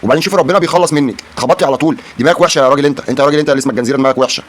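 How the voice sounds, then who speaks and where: A man's voice: a little high, racing. A man with an Egyptian Arabic accent hosting a comic reaction video, teasing sarcastically and asking viewers to comment.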